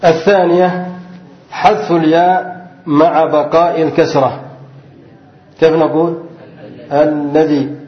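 A man's voice: a little high, steady tone, measured pace, long pauses. A man teaching Arabic grammar to a class, reading from a text and explaining it, often asking the students questions and answering them himself. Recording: roomy, muffled lo-fi recording.

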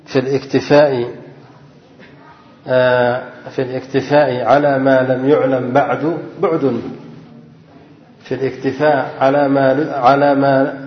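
A man teaching a grammar lesson, quizzing his students, repeating key phrases and chanting quoted verses and examples. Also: mid-range voice. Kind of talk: classroom lesson, reading a text and explaining. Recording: dull, echoey hall with long reverb.

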